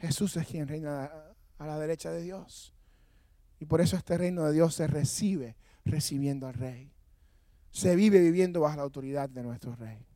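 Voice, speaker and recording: Pastor, male, high voice, fiery sermon delivery, dry close sound. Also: moderate pace, dry recording. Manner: passionate, shouting at times; storytelling with self-mocking humor. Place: church, speaking from the altar.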